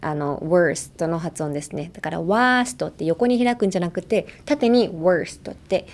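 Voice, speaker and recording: A woman's voice: lowish voice, lively intonation, normal speed, dark tone. Playful bilingual woman coaching pronunciation. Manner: playful, demonstrates sounds with repeated syllables. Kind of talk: bilingual casual pronunciation lesson.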